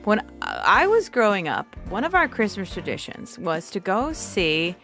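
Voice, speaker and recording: A woman's voice: mid-range voice, big pitch swings, measured pace, a bit bright, faint music behind. A woman from New York chatting casually on a game stream, telling a long story with many restarts and laughs. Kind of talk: casual chat while gaming.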